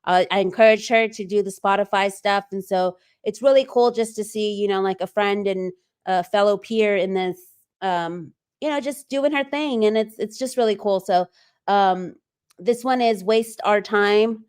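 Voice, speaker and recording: A woman hosting a relaxed livestream, her voice smooth and clear. She talks loosely and stops often to read viewer comments aloud, filling pauses with ums and uhs. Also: medium pitch. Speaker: livestream host. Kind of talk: casual livestream chat.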